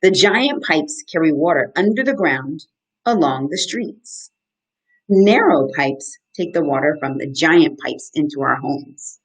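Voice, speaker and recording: An outdoor educator in her thirties reads a story to children over a live video stream, pausing to quiz them and explain in plain, encouraging terms. Her voice sits low, breathy at the edges, with lively intonation. The desk-distance webcam in a small indoor room gives a low-quality recording.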